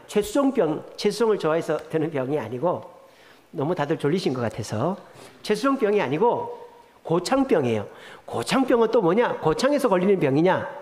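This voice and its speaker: A man's voice: sits high, long reverb tail. A male pastor preaching a sermon, asking the congregation question after question. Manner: lively preaching with rhetorical questions. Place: church sanctuary.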